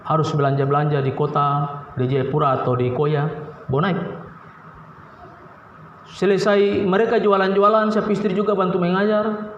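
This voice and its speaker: A man with a Papuan Indonesian accent preaches a heated sermon in a high, impassioned voice. He drops to low pleading, then flares up sharply. The recording is dull and boomy with long church reverb. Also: fairly even intonation, moderate pace, long pauses, a little hiss or hum. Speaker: pastor. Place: church hall.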